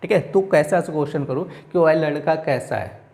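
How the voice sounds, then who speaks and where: Gravelly-voiced man teaching a lesson. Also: fairly high pitch, moderate pace, a little mellow. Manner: repetitive teaching, asks and answers own questions. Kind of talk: classroom lecture.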